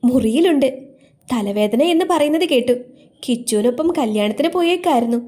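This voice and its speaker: A woman's voice: a little high, lively intonation, a little fast, lightly acted. A woman voicing a kindly middle-aged aunt who speaks fondly. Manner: fond, soft-spoken.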